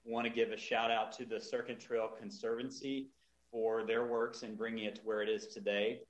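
A man on a city council giving halting remarks at a meeting, with many fillers. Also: fairly low pitch, level tone, reverberant, highs cut off.

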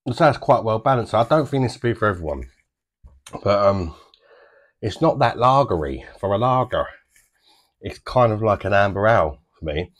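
A man's voice: on the low side, lively intonation, normal speed, long pauses. A man in his thirties with a British accent, casually reviewing a beer to camera from a small home bar, chatty and easygoing with plenty of fillers. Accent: British English.

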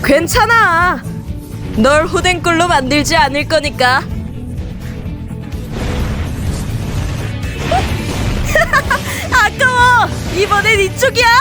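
A woman's voice: very high-pitched, expressive, takes it slowly, over music, exaggerated voice. A woman playing a manic, gleeful scientist with playful sing-song cooing, in an anime dub style.

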